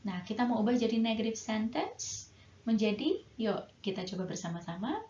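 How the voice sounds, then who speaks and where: A woman teaching English grammar in a patient, slow way, stretching out each example sentence. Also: on the high side, expressive, dark tone. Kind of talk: bilingual grammar lesson. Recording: roomy, dull lo-fi sound with faint noise.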